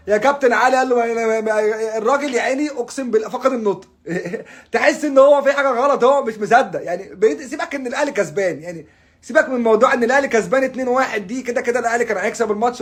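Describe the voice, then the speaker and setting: High-pitched, fast-talking Egyptian man. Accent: Egyptian Arabic. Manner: stammering, exasperated, laughing between complaints. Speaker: football fan commentator. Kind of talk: frustrated casual rant.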